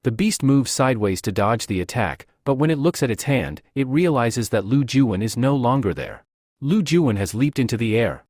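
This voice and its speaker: A man narrating a comic recap in an even, storytelling delivery. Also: mid-range voice, normal speed, no room sound, studio quality.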